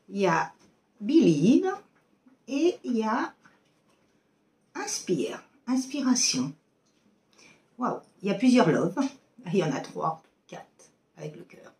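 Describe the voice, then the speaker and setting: A woman's voice: medium pitch, big pitch swings, slow, pauses often, a little mellow. A woman giving a casual oracle card reading to her viewers, chatty and affectionate, with many fillers.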